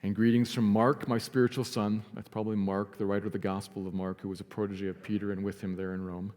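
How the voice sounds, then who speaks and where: Male pastor, lower pitch, earnest sermon delivery, reverberant church hall. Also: little pitch movement, fast. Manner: earnest preaching, drops to soft emphasis. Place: church sanctuary.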